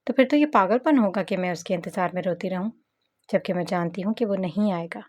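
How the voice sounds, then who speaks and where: A grieving young woman speaks calmly, guarded and resigned, as a woman reading the story voices her. Her tone stays level and composed. The pitch sits at an ordinary middle height. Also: brisk, close to an everyday voice. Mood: wry. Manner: calm, resigned.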